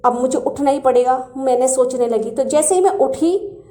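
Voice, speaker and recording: Woman, high mellow voice, earnest devotional storyteller, echoey room. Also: moderate pace. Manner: earnest and animated, acts out quoted words. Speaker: devotee sharing spiritual experiences. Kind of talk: personal storytelling.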